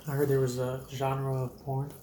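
A laid-back man hosts a loose, joking chat full of casual profanity. His mid-pitched voice rings in a roomy space, with a faint hiss underneath. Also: completely flat delivery, moderate pace, warm tone.

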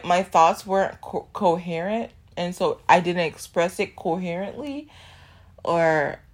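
A young woman hosting her own podcast, rambling and self-deprecating in a casual solo chat, often laughing and trailing off. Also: on the low side. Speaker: podcast host. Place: at home.

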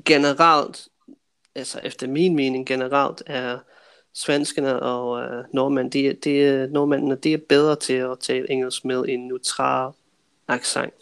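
A man from Denmark hosting a podcast, chatting casually with a guest and explaining things to the listeners in a relaxed way. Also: mid-range voice, smooth. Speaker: podcast host. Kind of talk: casual interview chat.

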